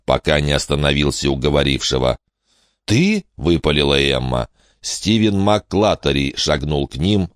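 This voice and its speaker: A man narrating an audiobook in an expressive, dramatic storytelling manner. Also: extremely low pitch, no echo, clean studio sound.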